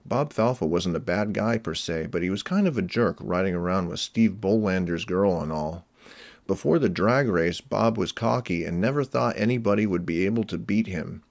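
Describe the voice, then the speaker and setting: A man narrates an analytical essay in a measured, explanatory tone. His voice sits a bit low, and the recording is dry with no room sound. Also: lively intonation, gravelly, no echo.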